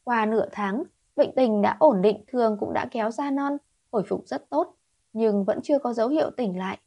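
A woman reading a romance novel aloud in steady scripted narration. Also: fairly high pitch, moderate pace, breathy edge, dry recording. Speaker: audiobook reader.

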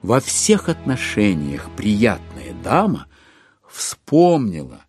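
Over soft background music, a male actor narrates a classic novel for an audio drama in an exaggerated, lowish voice with a breathy edge. His delivery is wry, relishing the irony, with deliberate and expressive phrasing.

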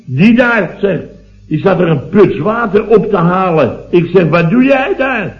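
An actor plays the comic lead in a 1970s Dutch radio comedy serial: a blustering, exasperated building contractor boss in his fifties, indignantly recounting his woes as an outraged, long-suffering storyteller. His high voice is expressive at a measured pace, and the vintage radio recording sounds dull and roomy.

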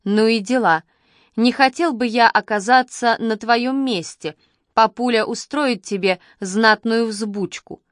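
A woman voicing a gangly teenage boy with a creaky, strained voice who taunts and mocks. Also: fairly high pitch, unhurried, dry recording, clean studio sound, close to an everyday voice. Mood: gloating.

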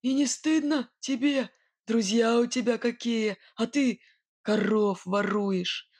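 Storybook villain: woman voicing a gruff, blustering robber man, loud and raised in pitch. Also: fairly even intonation, slow, no echo, heavily acted. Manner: blustering, then grim and menacing. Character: gruff boastful male robber whistler. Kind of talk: audiobook character voice.

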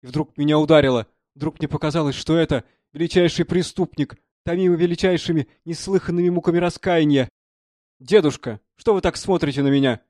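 A man voicing an excitable young portrait painter who talks loudly and insistently, in a storybook reading. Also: fairly high pitch, moderate pace, no echo, clean studio sound, voice pushed up, natural voice. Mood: excited.

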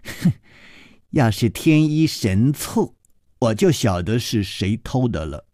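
A man's voice: mid-range voice, sing-song, slow pace, a little mellow, no room sound, studio quality. A man voicing a cheeky, giggly young girl who teases playfully. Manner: playful, mocking.

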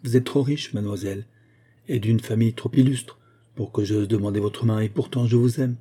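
A man's voice: lowish voice, steady tone, fairly quick, mellow, husky. A man voicing an ardent, earnest young man declaring his love in a storybook reading.

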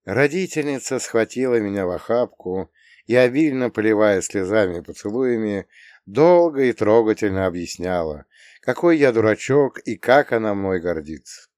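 Expressive male audiobook narrator. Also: on the low side, moderate pace, no room sound, studio quality. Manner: expressive reading. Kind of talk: scripted narration.

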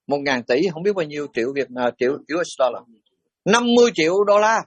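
A middle-aged Buddhist monk tells stories in a dharma talk, lively and blunt whenever he acts out what was said. His voice sits fairly high with a husky edge. The recording is dry and close, with little room sound. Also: fast talker, no room sound, muffled recording. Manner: animated, acts out quoted exchanges bluntly.

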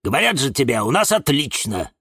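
A man's voice: mid-range voice, big pitch swings, fairly quick, pushed and bright, breathy edge, no echo, clean studio sound, pitched above the performer's own voice, exaggerated voice. Bossy whiskered lady cactus, man voiced. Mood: scolding. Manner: dismissive, scolding. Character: bossy nosy female cactus with pink whiskers.

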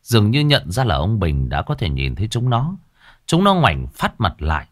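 A man tells a ghost story with dramatic, expressive delivery. His low voice moves through a wide, lively range, and the recording is dry and close. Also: moderate pace, dry recording.

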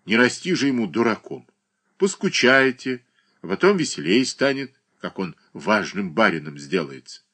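A man reading an audiobook voices a stern, humorless gentleman who lectures curtly. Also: fairly low pitch, big pitch swings, moderate pace, breathy edge, heavily acted. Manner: curt, forceful, admonishing.

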